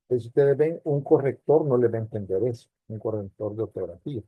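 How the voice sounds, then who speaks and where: A man's voice: mid-range voice, fast, slightly rough, no echo, narrow, tinny audio. Man lecturing students on slide design. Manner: explanatory, addresses students directly with rhetorical questions. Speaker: university lecturer. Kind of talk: recorded online class lecture.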